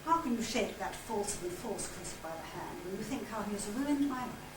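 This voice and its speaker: An older woman with a mid-range, expressive voice speaks at a moderate pace, presenting from a script at a literary society conference and reading narration, letters and diary extracts. She is recorded in a conference hall through a distant mic, so the room sounds echoey and the noise is loud.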